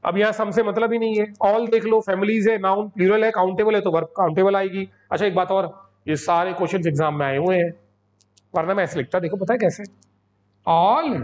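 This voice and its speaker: A man's voice: sits high, muffled recording. A man teaching English grammar in a coaching lecture, chatty and scolding as he acts out his students.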